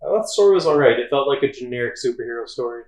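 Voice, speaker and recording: A man's voice: medium pitch, lively intonation, rapid-fire, a little mellow. Joking man in an echoey room. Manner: joking, filler-heavy. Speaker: podcast co-host. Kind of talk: casual chat.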